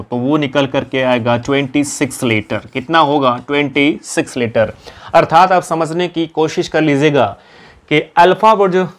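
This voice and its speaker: Male teacher, exam-prep lecture, slightly raised pitch, self-questioning, repeats answers, calls viewers friends.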